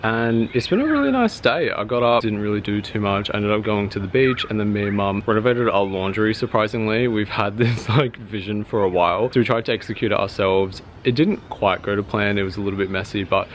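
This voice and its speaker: A man's voice: lowish voice, a little fast, hardly any pauses, slight background noise. A young adult man talking casually to camera in a video diary, chatty and informal with lots of filler words. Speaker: vlogger.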